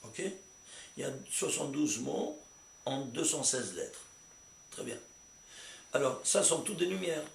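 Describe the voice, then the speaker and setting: Gravelly rabbi teaching in an echoey room. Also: male voice, mid-range voice, measured pace, pauses often. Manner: questioning, rises to excited exclamations. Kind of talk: kabbalah class with students. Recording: echoey room, faint hum.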